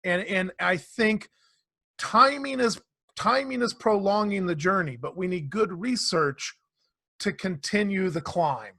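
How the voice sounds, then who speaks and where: A man hosting a casual online panel discussion, animated and quick to laugh, acting out quotes in playful voices. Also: high voice, creaky, no room sound. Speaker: panel host.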